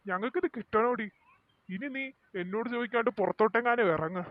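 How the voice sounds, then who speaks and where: A man's voice: very high voice, fast talker. A man playing an angry, strict middle-aged father who scolds harshly. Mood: furious. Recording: dry tinny lo-fi sound.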